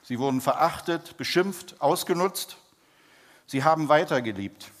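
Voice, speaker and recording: Measured preacher man in a reverberant hall. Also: fairly high pitch, expressive. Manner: measured, slows down for emphasis. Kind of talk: sermon testimony storytelling.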